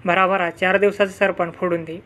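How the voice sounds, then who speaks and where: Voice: medium pitch, flat delivery, normal speed, fairly bright tone, a little hiss or hum, lightly acted. A storyteller voicing a demanding village schoolmaster who gives orders.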